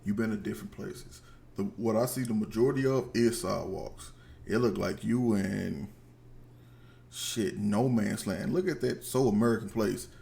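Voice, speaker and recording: Low gravelly dude on a headset reacting to a vid, slangy and blunt, faint music behind. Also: male voice, moderate pace, mellow. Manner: blunt, slangy, talks back to the video. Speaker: reaction streamer. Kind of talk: casual reaction commentary.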